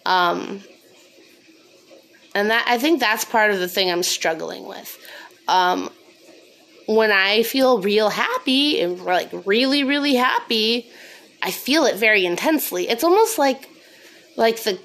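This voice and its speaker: Woman, mid-pitched voice, solo podcast host, casual confessional ramble, sweary, self-deprecating, slightly sniffly, phone recording. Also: expressive, a little slow, vocal fry, pauses often, fairly bright tone. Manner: snorting laugh.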